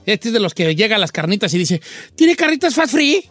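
A man's voice: sits high, sing-song, fairly quick, a bit bright, no room sound, soft background music, exaggerated voice. An actor playing a cheeky old man who hosts a comedic radio show, teasing callers. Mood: joking. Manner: teasing, bawdy, crows over callers.

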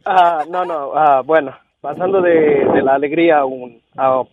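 A man's voice: on the high side, steady tone, unhurried, recorded from a distance, background noise. A man co-hosting a radio show, telling jokes animatedly and acting out the voices in them. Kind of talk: joke telling and radio chat. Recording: tinny phone-like radio sound.

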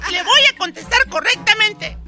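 A squeaky cheeky schoolboy. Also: female voice, expressive, moderate pace, very noisy. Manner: shouty, giggly child voice. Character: cheeky schoolboy Garbancito, eager know-it-all. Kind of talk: comedy sketch acting. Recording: loud music under the voice.

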